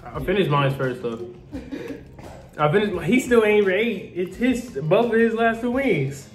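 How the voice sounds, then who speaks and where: Excitable high-pitched young American man, roomy sound. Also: normal speed. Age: young adult. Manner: excitable, teasing, slangy and repetitive. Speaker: food challenge participant. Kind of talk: casual banter among friends. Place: indoor room at a dining table. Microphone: camera across the table. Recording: roomy echo, music underneath.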